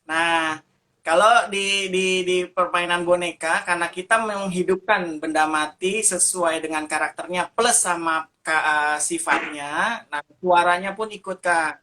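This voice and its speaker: A man's voice: high-pitched, fairly even intonation, a little slow, bright, forceful tone. A man answering interview questions as a teacher of puppet ministry, talking animatedly and showing how to do voices as he explains.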